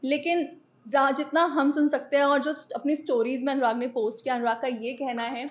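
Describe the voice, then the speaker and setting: A woman interviewer with a high voice lays out long, detailed questions. The recording sounds dull and slightly muffled. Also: level tone, brisk. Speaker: entertainment interviewer.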